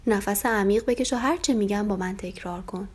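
A woman voicing a calm, caring father lamb in a children's story, speaking gently and soothingly. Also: mid-range voice, husky, natural voice.

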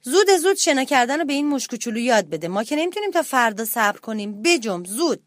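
A woman voicing a brisk, bossy animal ship captain in a children's story, giving slow commanding orders. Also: fairly high pitch, big pitch swings, dry recording, studio quality. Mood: curt.

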